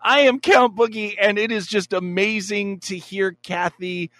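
A man's voice: sits high, fairly even intonation, a little slow, a bit bright, no room sound. A man hosting a podcast with casual comic banter and a teasing, showman-like manner. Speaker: podcast host.

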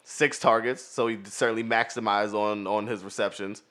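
A man hosting a casual fantasy football show, relaxed, moving the talk from player to player. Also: lowish voice, normal speed. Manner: relaxed, steers the segments. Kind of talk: casual sports chat.

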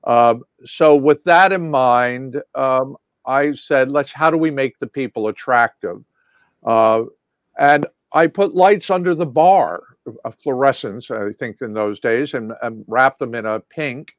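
A man speaks in a middle-pitched voice, rambling casually through his memories with plenty of ums and restarts. The sound is dull and lo-fi, and very dry, with no room sound at all. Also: unhurried, no room sound. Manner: rambling, many fillers and restarts. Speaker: guest lighting designer. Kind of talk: casual recollection.

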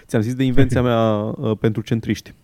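A man's voice: mid-range voice, level tone, dark tone, dry recording. A man co-hosting a casual podcast, joking sardonically and reading news aloud. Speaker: podcast co-host. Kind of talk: casual chat.

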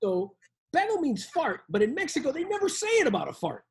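A man's voice: very high voice, huge pitch swings, a little fast, vocal fry. A man with a Cuban accent co-hosting a comedic radio show, joking and acting out Spanish phrases. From Cuba. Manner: joking, playful, acts out quoted phrases.

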